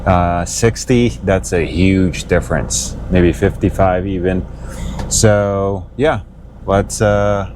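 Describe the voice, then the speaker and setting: Male vlogger, deep voice, slow easygoing delivery, rambling, filler-heavy; faint background noise. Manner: relaxed, rambling with many fillers. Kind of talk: casual travel vlog narration. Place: inside an RV and outdoors on the road. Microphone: smart glasses camera.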